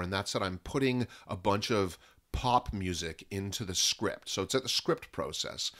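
A Canadian man who produces film and content is a guest on a podcast, speaking in a somewhat low voice. In this casual interview he talks in a lively way, often restarting sentences and piling up examples.

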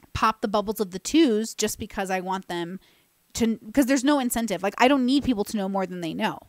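A woman's voice: mid-range voice, no room sound. A young woman from California hosting a podcast, telling a personal story in a chatty, self-deprecating way with frequent restarts and fillers, close to a studio microphone. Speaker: podcast host. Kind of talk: casual storytelling monologue. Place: bright room with plants. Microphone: boom-mounted studio mic close to mouth.

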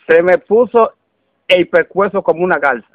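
A man with a Dominican accent telling a comic story casually, halting and repeating words as he goes. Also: sits high, dry recording, phone-quality sound. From Dominican Republic.

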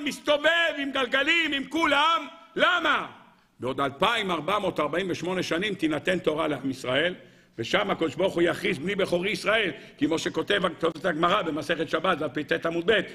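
Calling his audience "gentlemen," a rabbi gives a weekly Torah class in a high, bright, eager voice with a slightly rough texture. His delivery shifts animatedly up and down in tone as he rattles off rhetorical questions, repeats each one, and supplies the answers.

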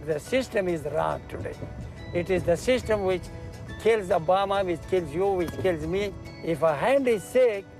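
Older man with a high voice. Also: a little mellow. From Afghanistan. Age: 70s. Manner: philosophical, speaks in proverbs and images. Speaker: interviewee. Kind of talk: casual interview. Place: inside a car.

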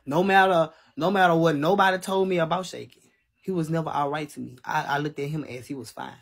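A man's voice: a little high, steady tone, a little fast, creaky. A man in his twenties talking casually to viewers on a live stream, answering chat in a candid, defensive way, from a phone at arm's length in a small room. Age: 20s. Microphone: phone held at arm's length.

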